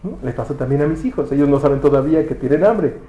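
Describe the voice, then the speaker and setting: A man's voice: a little high, expressive, quick pace, mellow, roomy sound, dull audio, slight background noise. A man preaching a conversational sermon, often restarting words and asking rhetorical questions. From Mexico. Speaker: pastor.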